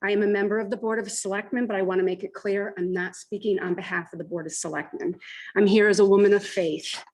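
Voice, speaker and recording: A woman's voice: mid-range voice, fairly even intonation, a little mellow, poor audio. An older woman, a grandmother, giving a public comment at a school committee meeting, short of breath and hurrying to fit everything in. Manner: rushed, talking as fast as she can.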